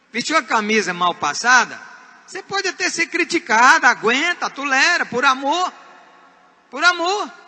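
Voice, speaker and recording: High, bright-voiced Brazilian pastor preaching. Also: male voice, big-room sound. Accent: Brazilian Portuguese. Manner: emphatic preaching, swinging from hushed asides to shouted points. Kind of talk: sermon. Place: church.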